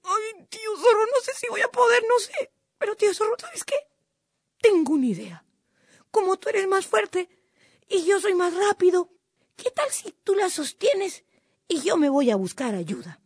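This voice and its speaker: A woman's voice: very high voice, very animated, normal speed, dry recording, studio quality, voice pushed up, full character voice. A woman voicing a small, clever male guinea pig who tricks others, moaning and pleading in a whiny way. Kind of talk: storybook narration.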